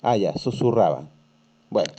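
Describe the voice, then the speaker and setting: A man's voice: on the low side, animated, normal speed, dark tone. A man teaching an online class, patiently reading and explaining a text, checking in often with "¿cierto?". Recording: dull lo-fi online class audio.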